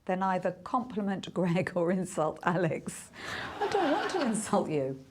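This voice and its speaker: Casting: lowish, animated woman, playful game show banter, loud music behind. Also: normal speed, noisy background.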